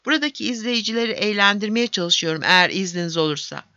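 A woman's voice: medium pitch, fast talker, sharp tone, no room sound, dull audio. A woman voicing an irritated, pompous male stage actor in a storybook, speaking mockingly. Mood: pompous, annoyed.

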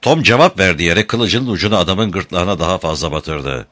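A man narrating an adventure novel as an audiobook, in a measured, dramatic storytelling manner. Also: low voice, animated, fairly bright tone, no room sound.

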